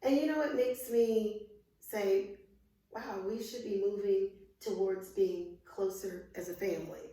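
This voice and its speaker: A woman, a guest in a casual interview, warm and laughing often. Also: mid-range voice, fairly even intonation, measured pace. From Albany, Georgia, US. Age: 50s. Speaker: interview guest, insurance adjuster. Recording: echoey room, distant from mic.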